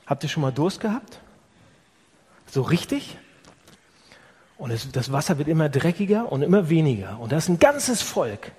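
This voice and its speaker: A man preaching an animated sermon to his congregation, firing off rhetorical questions. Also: fairly high pitch, normal speed, long pauses, slightly rough. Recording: long reverb of a large hall.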